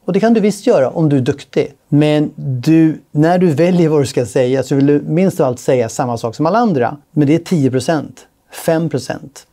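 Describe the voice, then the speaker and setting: A man talking casually as a sales coach, reacting bluntly to a clip. His voice sits a little high but sounds dark and mellow. He often slips into quick mock voices of salespeople and customers.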